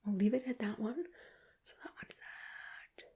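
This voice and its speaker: Whispering woman in a soft ASMR whispered role-play. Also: on the high side, steady tone, moderate pace. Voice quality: breathy, whispered. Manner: gentle, reassuring personal attention. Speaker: ASMR performer playing an ear examiner.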